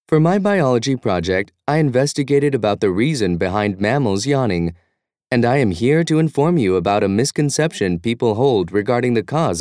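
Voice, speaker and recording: A man's voice: medium pitch, a little mellow, no room sound, clean studio sound. Man reading a formal exam script. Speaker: test dialogue reader. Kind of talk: scripted exam listening speech.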